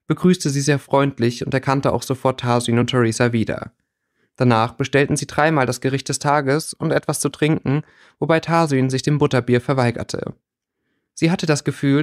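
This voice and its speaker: A man reading fan fiction aloud as an audiobook, steady with small slips. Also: mid-range voice. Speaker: audiobook reader.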